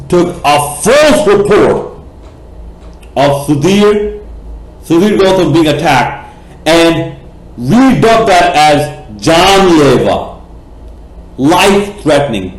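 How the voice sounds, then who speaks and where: Passionate rambling man, echoey room. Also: fairly high pitch. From Bangladesh. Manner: passionate, rambling, many fillers and restarts, blunt and profane. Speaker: cricket vlogger. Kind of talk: opinionated vlog rant.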